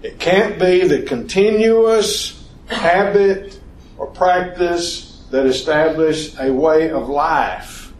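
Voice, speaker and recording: A man teaching an informal Bible study lesson, talking slowly and haltingly with restarts and questions to the class. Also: a little high. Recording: echoey room.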